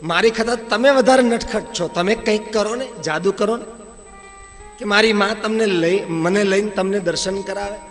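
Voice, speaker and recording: Man voicing a helpless but mischievous infant god, high and echoing in a hall. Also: moderate pace, soft background music, natural voice. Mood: earnest. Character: newborn baby Krishna, mischievous and helpless.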